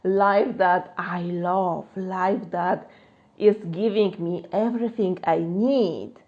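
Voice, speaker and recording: Answering questions in a live-stream chat, a life coach with a Polish accent speaks slowly in a fairly low voice with fairly even intonation and a darkish tone. She's loose and chatty, with many fillers and frequent laughter. The phone mic cuts off the highs.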